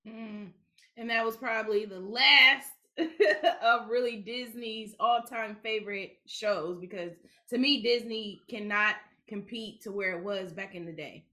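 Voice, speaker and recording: A woman in casual chat, talking in an animated, opinionated way. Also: medium pitch, a little slow.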